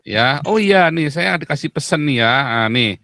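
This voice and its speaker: This pastor runs a live stream of casual preaching chat, kidding around before opening up emotionally about his past. His higher voice is animated, pushed and bright, at a normal speed, with no echo.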